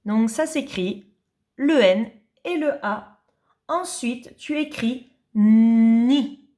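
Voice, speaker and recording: A woman teaching young children to read in French, spelling out syllables slowly and distinctly, patient and repeating each sound. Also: on the high side, dark tone. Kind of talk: slow reading lesson for young children.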